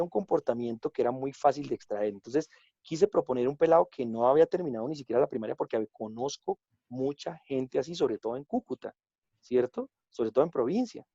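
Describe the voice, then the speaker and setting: Colombian man telling animated stories. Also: mid-range voice, slightly rough, no echo. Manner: animated storytelling, drops into quoted voices. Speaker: guest actor and director. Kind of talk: casual chat. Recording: dull lo-fi, dry sound.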